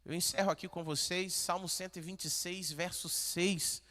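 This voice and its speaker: A man with a Brazilian Portuguese accent, a pastor preaching a sermon, swinging from quiet murmurs to shouted peaks. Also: sits high, fairly even intonation, moderate pace. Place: large church hall. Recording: echoey church hall.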